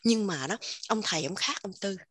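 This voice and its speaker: A woman with a Southern Vietnamese accent giving an animated casual spiritual talk, repeating words in quick emphatic bursts. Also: medium pitch, a crowd in the background. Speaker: religious teacher sharing insights.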